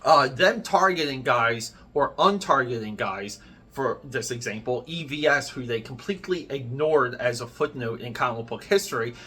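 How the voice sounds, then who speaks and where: A man's voice: mid-range voice, normal speed, sharp tone, husky, faint music behind. A middle-aged man delivering an opinionated rant to an online audience, worked up, emphatic and blunt. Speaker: comics YouTuber.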